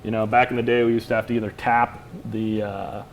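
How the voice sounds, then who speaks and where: Guy casually walking through a light fixture, lots of you knows, faint rumble behind. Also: brisk. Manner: relaxed, rambling explanations full of "you know". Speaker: lighting product expert. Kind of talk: casual product demo chat.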